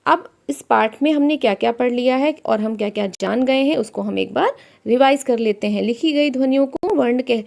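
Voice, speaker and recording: A woman's voice: fairly high pitch, moderate pace, gravelly, darkish tone. A woman teacher explaining a primary-school grammar lesson step by step, asking her pupils questions as she goes.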